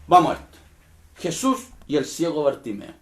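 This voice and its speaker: Man, pastor; sermon delivery, fairly high register, emphatic peaks and direct questions to listeners. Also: sing-song, normal speed.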